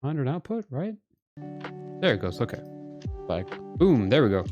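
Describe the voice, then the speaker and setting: During a live game stream, a man with a medium-pitched, sing-song voice chats with viewers at a moderate pace, addressing chat directly and being self-deprecating. Soft music plays underneath, and he's using headphones and a desk mic.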